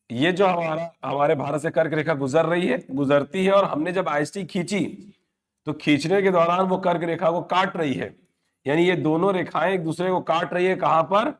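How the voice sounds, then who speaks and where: A man's voice: a little high, moderate pace. A male teacher giving a classroom lecture for exam preparation. He asks questions and answers them himself, and repeats the key points.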